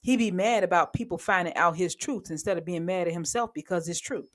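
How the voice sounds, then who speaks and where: A woman giving blunt, sarcastic, heavily profane commentary on reality TV gossip, speaking with sudden animated outbursts. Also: fairly low pitch, a little fast. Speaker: commentary vlogger.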